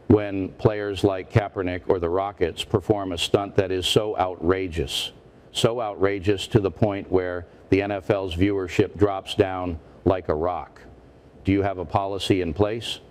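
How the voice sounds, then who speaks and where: A man's voice: sits low, fairly even intonation, measured pace, darkish tone. A man playing a parody news anchor, a stiff, formal, indignant interviewer who presses and repeats himself. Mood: indignant, pressing. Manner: stiff, formal, repetitive, confrontational.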